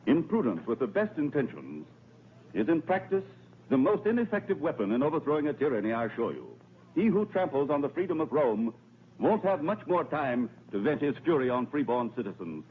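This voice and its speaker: An actor playing a proud, rebellious Roman senator, speaking formally like an orator in a dubbed historical film. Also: male voice, fairly high pitch, very animated, fairly quick. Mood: grave counsel. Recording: tinny narrow-band old film soundtrack, noisy.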